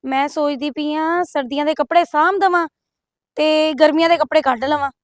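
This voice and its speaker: A woman's voice: high-pitched, steady tone, normal speed, no room sound, natural voice. A young woman playing a meek, hardworking married daughter who pleads with her mother in a scripted family skit. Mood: chatty.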